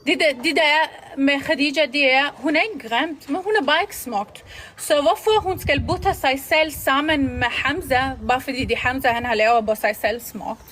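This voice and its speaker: A woman hosting a casual livestream, talking in a rambling, halting way with broken grammar. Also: high voice, a bit bright, poor audio.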